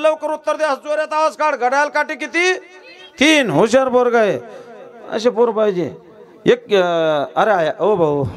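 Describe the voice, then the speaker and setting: High-voiced Marathi kirtan preacher, joking live. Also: male voice. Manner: joking, quizzing the crowd, breaks into song. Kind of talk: comic devotional kirtan with audience. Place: live stage before a crowd. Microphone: stage microphone. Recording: live crowd and accompanying music. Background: crowd laughter and music.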